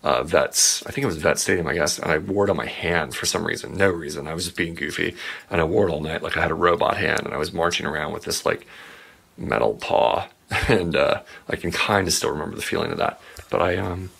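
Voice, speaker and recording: A man in his forties giving a rambling late-night tour of his game and art room in a low, sleepy voice, with many ums and uhs. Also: brisk, creaky, a bit bright, breathy edge. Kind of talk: rambling home tour narration.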